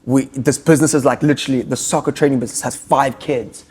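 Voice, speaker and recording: A man's voice: mid-range voice, fairly even intonation, quick pace, a little mellow, slightly rough. A young man with a South African accent, a podcast guest telling his story in a loose, casual way full of fillers.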